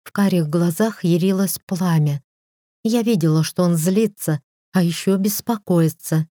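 Woman reading a novel aloud, measured, mellow tone, dry close sound. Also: fairly low pitch, no room sound. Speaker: audiobook reader. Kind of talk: first-person novel narration.

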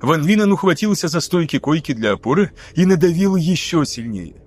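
A man narrating an audiobook in a steady, dramatic reading. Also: a little high, fairly quick.

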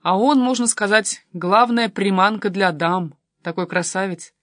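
A woman reading a story, voicing a brash, excitable adult male cousin. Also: mid-range voice, unhurried, no room sound, clean studio sound, natural voice. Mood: brusque. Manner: blunt, exclamatory, impatient.

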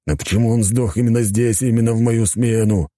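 A man's voice: fairly low pitch, steady tone, brisk, mellow, no echo, voice pushed up, close to an everyday voice. A man voicing a weary, grumbling police inspector about to retire. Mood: exasperated. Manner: grumbling, exasperated.

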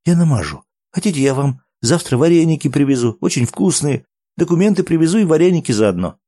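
A man's voice: on the high side, expressive, a little fast, warm tone, dry recording, pitched above the performer's own voice. A man voicing a frantic middle-aged woman who runs an orphanage, chattering and pleading.

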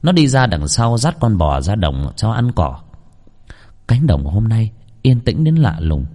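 A man narrating a ghost story in an expressive storytelling manner. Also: on the low side, measured pace.

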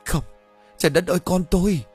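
A man's voice: animated, normal speed, a little mellow, soft background music, close to an everyday voice. A man voicing a frantic grieving mother. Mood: frantic wailing. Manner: shrill, panicked cries.

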